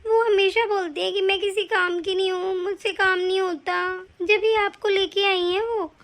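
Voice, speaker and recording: A woman voicing a meek, gentle young daughter-in-law in a cartoon, speaking softly and apologetically. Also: very high voice, steady tone, moderate pace. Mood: hurt. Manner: soft, apologetic, complaining. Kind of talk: cartoon voice acting.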